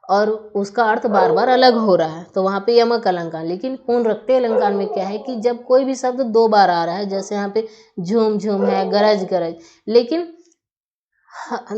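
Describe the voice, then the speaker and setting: A woman teacher talks through a grammar lesson in a patient, explanatory way, often pausing to pose questions to her students. Her voice sits in an ordinary middle pitch. The recording sounds a bit dull and lo-fi. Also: mellow.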